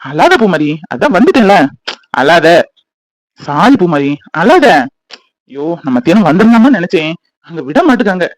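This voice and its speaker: A man's voice: high voice, big pitch swings, no room sound, low-quality recording. A man voicing a loving young husband in a cartoon, earnest and reassuring. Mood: soothing. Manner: soothing, coaxing, explaining quickly.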